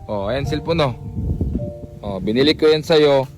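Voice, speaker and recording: A man's voice: mid-range voice, a little slow, over music. A young adult man hosting a casual vlog, coaxing and repeating short phrases again and again. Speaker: vlogger host.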